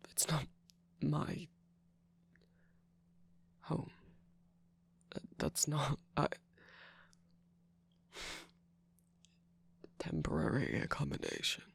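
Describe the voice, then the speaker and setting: Sly male cookie jester played by a performer, ASMR roleplay, husky breathy whisper, gravelly fry, lively swooping pitch, teasing and dismissive. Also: full character voice. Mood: defensive. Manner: dismissive, teasing, evasive, with sighs and laughs. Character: sarcastic mischievous male cookie jester, scheming.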